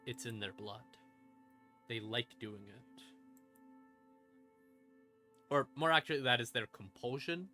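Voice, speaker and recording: This streamer explains game lore in an informal, laid-back way, with dry asides and dramatic emphasis, while creepy ambient music plays behind him. He has a sharp, mid-range voice and takes his time, pausing often.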